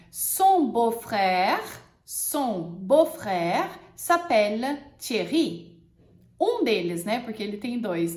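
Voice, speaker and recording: Woman teacher, fairly high voice, slow deliberate delivery, echoey room; models French words for learners. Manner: slow, careful modeling of French words between quick explanations. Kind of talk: online language lesson.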